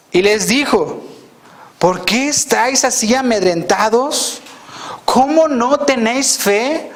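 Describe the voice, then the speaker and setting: A male pastor preaching an earnest, reflective sermon, asking rhetorical questions and dropping to a soft hush on key phrases. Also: sits high.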